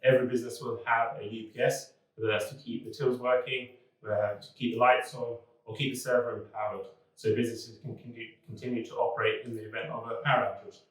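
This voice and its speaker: A man's voice: medium pitch, flat delivery, quick pace. Man speaking in a very echoey room. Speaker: business development manager. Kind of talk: corporate talking-head video. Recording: very echoey room, mic far off.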